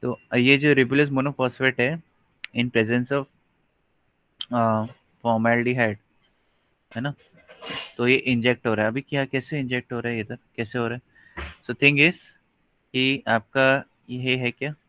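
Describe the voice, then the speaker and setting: A man teaching a college biology lecture, pausing often with fillers and checking that students follow. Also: medium pitch, fairly even intonation, bright, forceful tone, dry recording. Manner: slow, hesitant, many fillers, checks understanding often. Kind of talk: live online lecture in Hindi-English mix. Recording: dry, dull lo-fi mic.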